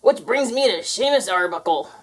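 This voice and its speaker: A woman plays a vengeful ghostly pirate man for a storybook character voice. He growls and booms in thick pirate dialect, raised above the reader's usual pitch. He is fierce and menacing. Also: expressive, normal speed, slightly rough. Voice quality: growling, booming.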